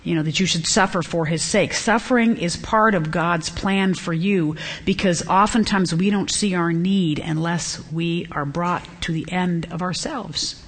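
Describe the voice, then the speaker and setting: A middle-aged woman teaches from the Bible to a women's gathering, earnest and climbing high and emphatic to stress points while acting out the voices of children and parents. Her intonation is fairly even, and she speaks unhurriedly with hardly any pauses.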